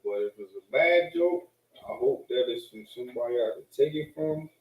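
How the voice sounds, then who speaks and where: A man's voice: medium pitch, lively intonation, moderate pace. Rambling stoner man in an echoey room. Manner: rambling stoner talk, repeating himself; slangy, profane street talk. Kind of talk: casual chat. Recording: echoey room, distant microphone.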